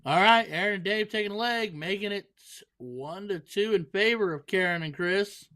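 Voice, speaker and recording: Guy doing casual live darts commentary, voice a bit on the high side. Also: moderate pace, sharp tone.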